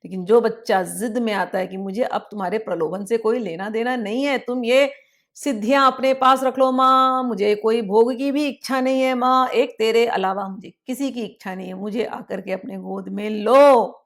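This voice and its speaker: A woman's voice: on the high side, fairly even intonation, normal speed. A woman giving a spiritual discourse, telling stories expressively and acting out the voices of a mother and a child. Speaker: spiritual teacher. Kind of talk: devotional discourse.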